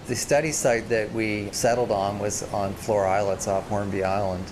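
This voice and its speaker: Low, even-toned man in documentary interview. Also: moderate pace, background noise. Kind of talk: explanatory nature documentary interview. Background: loud background music.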